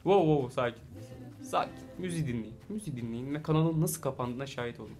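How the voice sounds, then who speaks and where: A man giving casual let's play commentary, chatty, talking to the game and breaking into excited exclamations. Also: medium pitch, fast talker. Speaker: gaming YouTuber. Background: soft game music.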